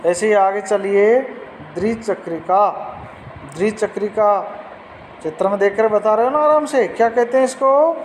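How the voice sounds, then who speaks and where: A man's voice: high-pitched, moderate pace, long reverb tail, slight background noise, rough recording. A man teaching a Sanskrit lesson, patiently explaining words and asking pupils questions.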